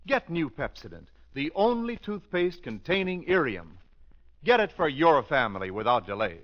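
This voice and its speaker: A male announcer reading a brisk, emphatic radio commercial and show credits. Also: fairly high pitch, big pitch swings. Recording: dull lo-fi old radio recording.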